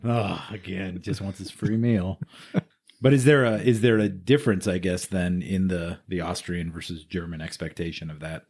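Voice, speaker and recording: A man's voice: sits low, fairly even intonation, moderate pace, darkish tone, slightly rough. A man from the United States co-hosting a podcast in casual chat, joking and asking long, rambling questions. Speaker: podcast co-host.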